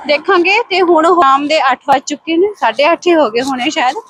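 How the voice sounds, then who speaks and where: A vlogger walks along outdoor streets, chatting casually to viewers in an exclamatory running commentary. Her high-pitched voice is fast and a bit bright; the recording is dry but picks up outdoor ambient noise.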